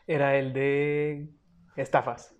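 A woman's voice: rumbling low, level tone, slow, darkish tone, dull audio. A young woman with a Mexican accent, co-hosting a podcast in casual chat with slang and swearing. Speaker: podcast co-host.

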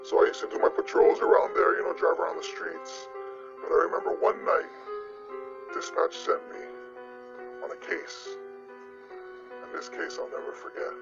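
Disguised-voice witness: male officer, altered gravelly voice, high and swooping, muffled lo-fi audio with loud music under it. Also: completely flat delivery, normal speed, pauses often, distant mic. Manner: plain, matter-of-fact storytelling. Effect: electronically disguised voice. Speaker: police officer. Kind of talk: recounting a personal ghost story in an interview.

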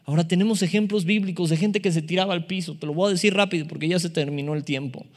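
A man preaches a sermon, and his voice sits a little high for a man. He is animated and slips into other voices for the people in his stories. The sound rings with the long reverb of a large hall. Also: fast. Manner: animated, acts out dialogue in shifting voices. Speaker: pastor.

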